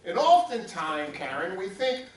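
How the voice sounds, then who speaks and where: Pastor, male, slightly high voice, slow deliberate preaching, roomy sanctuary sound picked up from a distance. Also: sing-song. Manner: call-and-response preaching, addressing congregants by name. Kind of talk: sermon. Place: church sanctuary. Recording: roomy echo, distant mic, faint hum.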